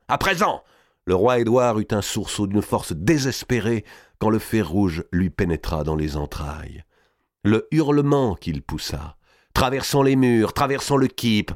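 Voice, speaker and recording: Dramatic male narrator, low voice with lively range, dry close reading. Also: no room sound. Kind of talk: audiobook reading of a historical novel.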